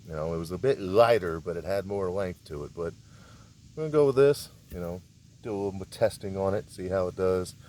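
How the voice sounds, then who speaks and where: A man demonstrating survival skills outdoors in a relaxed, rambling, folksy way. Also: low voice, a little fast, slight background noise. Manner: laid-back, rambling, folksy. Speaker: survival vlogger. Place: outdoors in a rural area.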